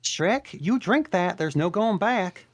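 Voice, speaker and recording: Performer reading a jittery talkative donkey, fretful, jokey, rapid-fire. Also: medium pitch, lively intonation. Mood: panicky. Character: chatty anxious male donkey sidekick. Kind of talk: table read.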